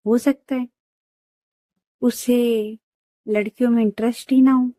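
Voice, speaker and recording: A joking young man with a brotherly streak, voiced by a female storyteller in close to her own voice. He speaks in quick wisecracks. The tone is warm and the recording is dry. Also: on the high side, fairly even intonation, dry recording.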